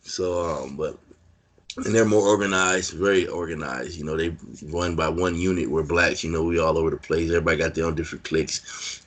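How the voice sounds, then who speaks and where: Deep-voiced man telling prison stories. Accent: Californian. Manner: rambling, filler-heavy street talk. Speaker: interview guest, former prisoner. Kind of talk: casual storytelling interview.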